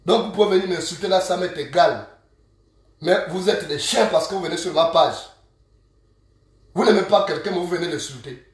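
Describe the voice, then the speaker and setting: A man from Gabon with a Gabonese French accent, ranting straight to camera as an online activist, scolding and insulting his listeners and repeating proverbs slowly. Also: sits high. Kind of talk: angry direct-to-camera rant. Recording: very echoey room, from a distance.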